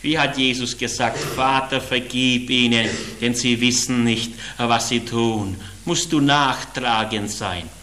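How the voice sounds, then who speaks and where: A man preaching a sermon as an evangelist, telling anecdotes and swinging from quiet asides to loud, fervent exclamations. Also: mid-range voice, steady tone, slow, few pauses. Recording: echoey hall.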